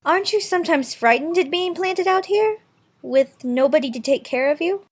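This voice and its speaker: A woman's voice: extremely high pitch, animated, moderate pace, pitched above the performer's own voice. A woman voicing a polite, curious little girl in a storybook, with an earnest manner. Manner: earnest, questioning. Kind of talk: storybook character voice.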